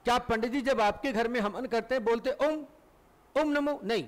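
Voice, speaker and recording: High-voiced male Hindi teacher lecturing. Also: steady tone, fast. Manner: asks the class questions and answers them himself, stretches vowels to demonstrate. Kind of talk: classroom lecture.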